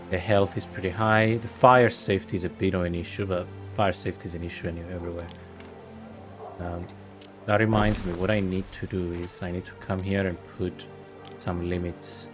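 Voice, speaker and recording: A man with a low voice and Greek as his first language casually talks through gameplay as a gaming video host, thinking aloud in a relaxed, unhurried manner.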